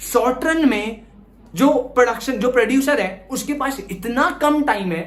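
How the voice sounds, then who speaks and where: A young male tutor lectures with lively energy, firing questions at the class and answering them himself. His voice sits high for a man. The room around him is echoey. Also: moderate pace. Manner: plays student voices asking "sir". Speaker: economics tutor.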